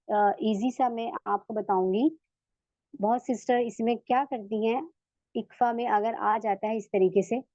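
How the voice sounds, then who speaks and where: A woman teaching a recitation lesson to women. She patiently repeats each step and draws out sample words slowly. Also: a little high, no room sound. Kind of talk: online tajweed lesson for women. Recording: dull, lo-fi, dry sound.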